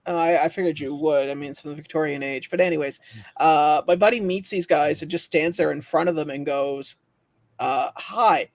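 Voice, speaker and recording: Chatty guy w a gravelly higher voice, tells stories and does little voices, dry close sound. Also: steady tone, a little fast, a little mellow, dry recording. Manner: storytelling, acts out quoted voices. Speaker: livestream co-host. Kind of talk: casual chat.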